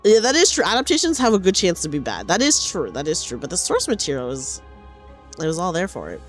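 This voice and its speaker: She talks fast in a fairly low voice with dramatic pitch swings, chatting loosely on her livestream, cursing a little, and performing the game's dialogue out loud. Gentle music plays in the background.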